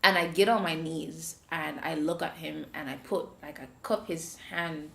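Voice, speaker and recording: A woman with a Jamaican accent hosts a podcast, telling a story in casual chat and animatedly acting out the voices as she retells it. Her voice sits low with vocal fry at a normal speed. The recording has a roomy echo and slight background noise.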